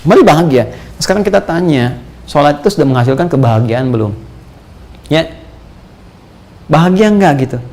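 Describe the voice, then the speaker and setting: A man from Indonesia giving a sermon lecture, animated, asking the audience rhetorical questions and leaping high in pitch for emphasis. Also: normal speed, pauses often. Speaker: Islamic preacher.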